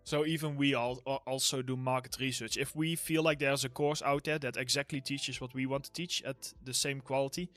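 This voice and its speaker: A man's voice: mid-range voice, fairly even intonation, a little fast, few pauses, a bit bright, no room sound. A man with a Dutch accent hosting a casual Q&A livestream, reading viewers' questions aloud and answering loosely with fillers, his throat getting a little sore. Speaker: livestream host, environment art tutor.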